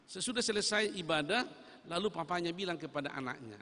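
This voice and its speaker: A man preaching a sermon as pastor, emphatic and repetitive, with loud rising refrains. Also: on the high side, lively intonation, a little fast. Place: church sanctuary. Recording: reverberant church hall.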